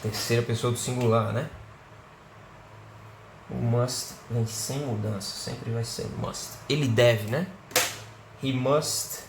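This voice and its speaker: A Brazilian man teaching an English grammar lesson online. He explains patiently, keeps asking "né?" and "certo?", and slows down to model the English sentences. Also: mid-range voice, steady tone, noisy background. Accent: Brazilian Portuguese.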